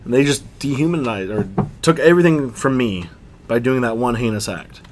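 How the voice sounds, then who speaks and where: A man's voice: mid-range voice, animated, normal speed, slight background noise. Casting: male co-host, mid-range voice, sincere, repeats phrases, lots of agreeing. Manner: earnest, repeats himself, agrees often. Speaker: podcast co-host. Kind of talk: satirical podcast chat.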